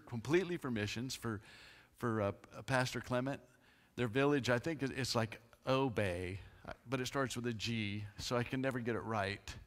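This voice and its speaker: Chatty man in a reverberant church. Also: medium pitch. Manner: chatty, animated storyteller who laughs often. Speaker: pastor. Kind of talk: church announcements, casual storytelling. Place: church sanctuary. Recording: long hall reverb.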